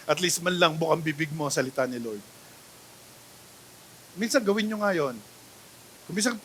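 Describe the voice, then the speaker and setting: A Filipino man preaching a church sermon, mixing Tagalog and English, animated, often asking "di ba?" and swinging between loud exclamations and soft asides. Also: on the high side, a little hiss or hum. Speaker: pastor. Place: church sanctuary.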